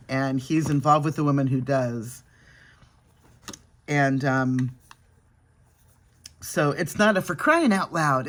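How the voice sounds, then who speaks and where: A woman talks to the camera as she applies her makeup, relaxed and conversational. She laughs easily and drops to soft murmurs for small asides. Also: extremely low pitch. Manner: chatty, laughs often, soft-spoken asides. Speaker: makeup vlogger. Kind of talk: casual makeup vlog chat.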